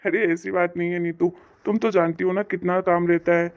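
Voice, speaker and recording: A woman voicing an earnest, dutiful young husband in a cartoon story, reassuring and even-toned. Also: lowish voice, a little fast, muffled recording, close to an everyday voice.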